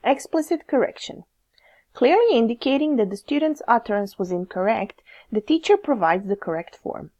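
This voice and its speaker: A woman with a Croatian accent, a teacher trainer giving measured, scripted narration that explains how to correct students. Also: a little high, lively intonation, a little mellow, lo-fi sound. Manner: measured, explanatory, reads examples aloud.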